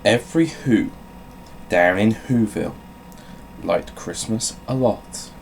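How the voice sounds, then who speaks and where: On a gaming channel, the host speaks slowly in a lowish, creaky, slightly mellow voice, with a little hiss or hum audible. His manner is dry and self-mocking as he moves from theatrical storybook readings into casual, swear-laden rambling.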